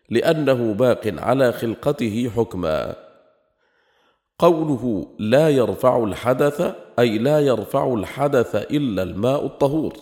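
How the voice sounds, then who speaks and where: A man's voice: mid-range voice, darkish tone. Man reading aloud with long reverb. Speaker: reader. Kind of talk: scripted reading of a scholarly text.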